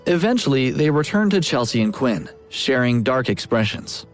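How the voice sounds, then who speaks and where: Expressive man narrating a story. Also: medium pitch, normal speed, soft background music. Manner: expressive reading.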